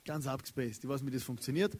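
A man preaching a casual, slangy sermon. He is chatty and animated, and keeps checking in with his listeners. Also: mid-range voice, quick pace, slightly rough.

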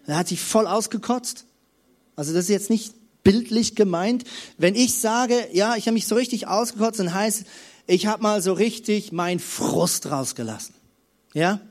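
Male preacher, high voice, emphatic sermon delivery, loud to hushed. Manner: emphatic, swings between loud passion and quiet intimacy.

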